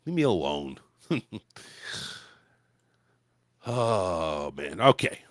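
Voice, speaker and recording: A man's voice: low-pitched, very animated, extremely slow, dry recording, studio quality. A man hosting a casual comedy podcast, crude and profane, rambling through celebrity gossip. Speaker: podcast host. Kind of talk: casual comedic chat, recapping celebrity news. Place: home studio in Florida.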